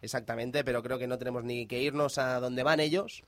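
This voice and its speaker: A man hosting a podcast about retro games, chatting in a relaxed way that often trails off. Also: medium pitch, a little fast, dry recording. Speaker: podcast host. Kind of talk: casual podcast chat.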